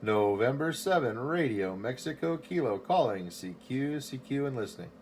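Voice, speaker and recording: A man making a ham radio call from his home station, calling CQ over and over, spelling his call sign in phonetic alphabet in a steady, repetitive way. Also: mid-range voice, normal speed, very noisy. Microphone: station microphone.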